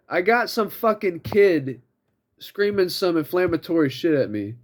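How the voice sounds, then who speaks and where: A man's voice: mid-range voice, a little mellow. A young man telling stories from his old job in a blunt, profane way, acting out what people said in mocking voices. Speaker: vlogger. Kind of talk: casual storytelling monologue.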